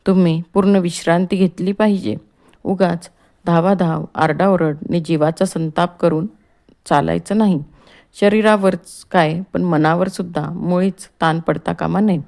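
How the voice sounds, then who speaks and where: A male doctor firmly lectures his patient about rest, as a woman reads his lines in an audiobook play. The voice is low, gravelly and mellow. His tone is steady and admonishing. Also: unhurried. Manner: firm, admonishing. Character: calm male doctor, firm, reassuring.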